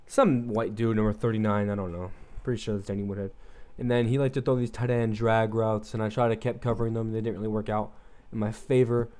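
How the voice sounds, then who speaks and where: A young man talks through his match in a loose, rambling way, swearing freely and trailing off with likes and ums. His voice sits low and mellow with a smooth, clean tone, a little froggy in the throat. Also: steady tone, fairly quick. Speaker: gaming commentator. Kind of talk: casual gameplay commentary.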